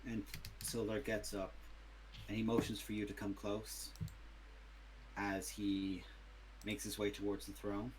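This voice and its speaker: A man's voice: on the low side, completely flat delivery, unhurried, long pauses, slight background noise, rough recording. A man narrating an improvised tabletop game as its game master.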